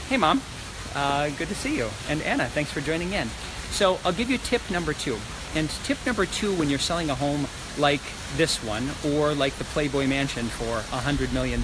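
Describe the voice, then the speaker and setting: Upbeat realtor guy doing a casual live house tour, highish voice, pretty noisy phone video. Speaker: real estate agent giving a home tour. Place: walking through a large house and its outdoor areas.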